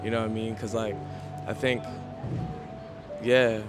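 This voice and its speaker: A man's voice: fairly low pitch, flat delivery, a little slow, over music. Motivational young man outdoors. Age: 20s. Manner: motivational, many "like" fillers. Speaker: street interviewee.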